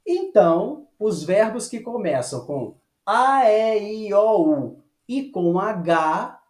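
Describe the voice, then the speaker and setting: A man teaching a French lesson, patiently checking with "ok?" and slowing down to model phrases. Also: high-pitched, expressive, darkish tone. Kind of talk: online language lesson. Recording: echoey room.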